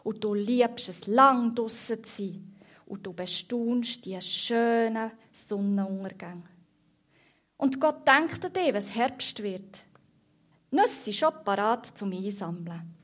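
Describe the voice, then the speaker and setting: A woman reading a children's story aloud in a slow storytelling manner, then moving into a short devotion. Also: on the high side, expressive.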